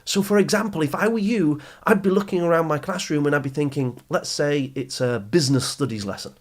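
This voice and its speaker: Slightly high and slightly quick, his voice carries a motivational monologue on an educational podcast for teens. As host and coach, he addresses the listener head-on, encouraging, instructing and stressing his points.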